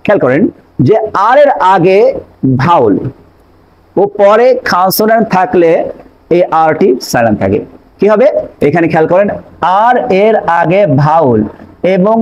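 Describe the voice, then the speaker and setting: A man teaching English pronunciation in an online lesson, explaining step by step and repeating examples slowly. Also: high voice, a little mellow, muffled recording.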